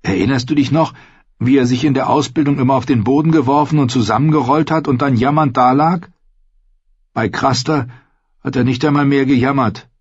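A man voicing a guilt-ridden young male recruit who talks in a rushed, pressing way. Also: medium pitch, slightly rough, dry recording, muffled recording, voice pushed up. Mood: distraught.

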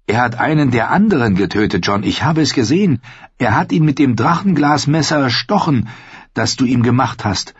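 A man voicing a guilt-ridden young male recruit who talks in a rushed, pressing way. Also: medium pitch, lively intonation, slightly rough, no room sound, dull audio, pitched above the performer's own voice. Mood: distraught.

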